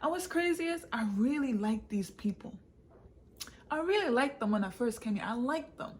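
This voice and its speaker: In a slightly high, expressive voice at normal speed, this vlogger and author tells her own story casually. She repeats phrases for emphasis and slips into Patois, reflecting a Jamaican birth and an upbringing in England and the US.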